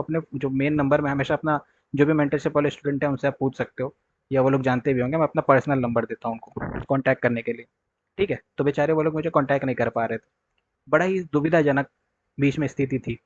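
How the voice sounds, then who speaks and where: A man's voice: mid-range voice, steady tone, fast talker. A young man gives a direct, scolding lecture on trading discipline. He keeps checking that his listeners follow. His voice sounds dull and lo-fi, with no room echo. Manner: scolding, direct, repeats "clear?" and "okay". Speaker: trading teacher. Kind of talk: blunt lecture to viewers.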